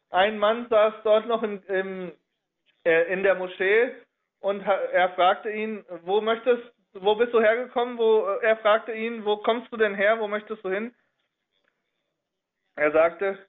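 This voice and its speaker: A man with a high voice tells a religious history story. He speaks haltingly and keeps reshaping his sentences partway through. The sound is narrow and tinny, like a phone line. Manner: halting, reworks sentences mid-flow.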